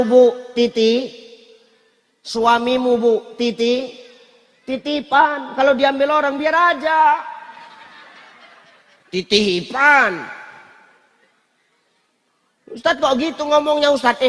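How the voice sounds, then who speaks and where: A man preaching a humorous sermon, joking and teasing, with sudden shouted bursts. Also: very high voice. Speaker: Islamic preacher. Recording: long hall reverb.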